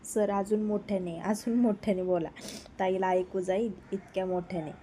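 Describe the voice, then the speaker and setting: A woman's voice: medium pitch, steady tone, normal speed, dark tone, a little hiss or hum, close to an everyday voice. A woman voicing a playful, teasing younger sister who plots a matchmaking scheme, in a spoken romance story. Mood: urgent.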